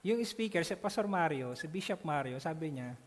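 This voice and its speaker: A man with a notably high voice leads a church Bible class, animated and often checking that his listeners follow. His voice carries a long reverb from a church hall. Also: moderate pace.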